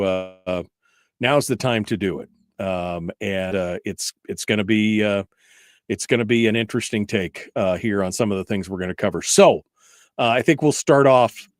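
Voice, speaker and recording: A man's voice: mid-range voice, no echo, clean studio sound. A man hosting a talk radio show, talking conversationally with frequent fillers and restarts.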